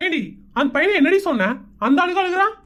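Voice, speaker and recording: A woman's voice: extremely high pitch, animated, fast, a bit bright. A woman voicing an exasperated cartoon dad. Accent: rural Tamil Nadu. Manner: exasperated, scolding. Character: exasperated village father and husband. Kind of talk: cartoon comedy voice acting.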